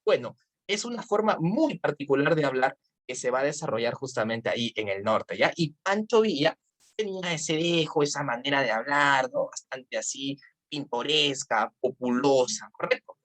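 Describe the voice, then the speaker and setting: Chatty Peruvian history tutor, low voice. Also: female voice, expressive, normal speed. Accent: Peruvian Spanish. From Peru. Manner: chatty, with tag questions. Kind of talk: online exam-prep lecture.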